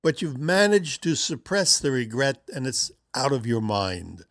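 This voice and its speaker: Measured man teaching in a dry room. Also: medium pitch, sing-song, fairly bright tone, no echo. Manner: measured, conversational, poses rhetorical questions. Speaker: self-development teacher. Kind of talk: recorded instructional talk.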